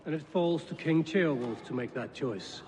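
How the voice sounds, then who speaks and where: Casting: man playing a stoic Viking chief in a game, even and measured, mid-pitched, reverb tail. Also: close to an everyday voice. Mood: steady. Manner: calm, measured, matter-of-fact. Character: Norse raider leader, grim and steady. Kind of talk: video game dialogue.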